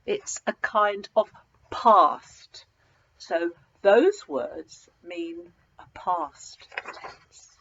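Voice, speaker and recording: A woman teaching English to learners in a slow, simple lesson, patient and reassuring, repeating key words. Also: on the low side, fairly bright tone, slight background noise. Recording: dull lo-fi recording.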